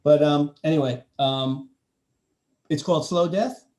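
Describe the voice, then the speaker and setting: A man's voice: on the high side, a little slow. A man hosting a music reaction video, chatting casually and joking with his co-host. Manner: joking, animated banter.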